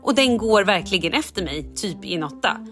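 A woman in a relaxed podcast chat, telling her story with plenty of energy and acting out what she said at each turn. Her voice sits at a middle pitch, and faint music runs underneath. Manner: animated storytelling, acting out her own lines. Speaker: podcast host. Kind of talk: casual chat.

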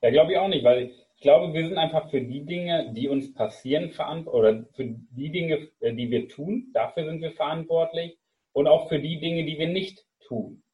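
A man's voice: fairly high pitch, normal speed, narrow, tinny audio. A man hosting a casual conversation, reflecting and affirming his guest in a thoughtful way.

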